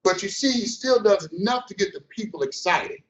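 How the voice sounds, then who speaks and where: A male business trainer talking to his team in a loose, colloquial way, acting out little scenes. His voice sits fairly high and moves a lot in pitch. He sounds set back from the mic in a reverberant room, on a dull recording. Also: fairly quick. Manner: colloquial storytelling, animated, acts out scenes. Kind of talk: motivational training talk. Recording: echoey room, distant, dull.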